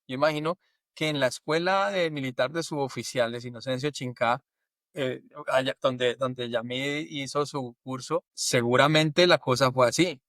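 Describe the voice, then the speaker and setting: A man speaks in a casual, halting way, repeating his words as he works out his thoughts. His voice sits at a middle pitch. The sound is dry and close to the mic. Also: fairly bright tone, no room sound. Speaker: army major, co-host. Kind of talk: casual interview talk.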